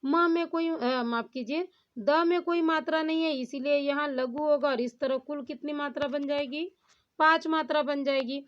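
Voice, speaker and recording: High-voiced woman teaching a grammar lesson. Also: steady tone, normal speed. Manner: asks rhetorical questions and answers them herself. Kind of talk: classroom lesson explaining poetic meter. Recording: dull lo-fi sound.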